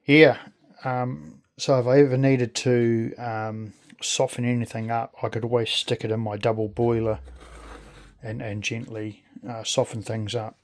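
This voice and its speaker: A video creator from New Zealand talks through a casual hands-on demonstration. His medium-pitched voice stays level, and he speaks very slowly in a halting, friendly way.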